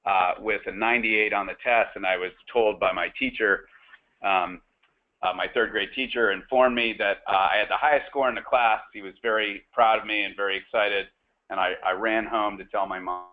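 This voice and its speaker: A man speaks in a lowish voice, hosting a webinar panel and working through his points with frequent pauses and restarts. The sound is thin and narrow, like a phone line. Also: steady tone. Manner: halting, many fillers and restarts. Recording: tinny phone-line audio.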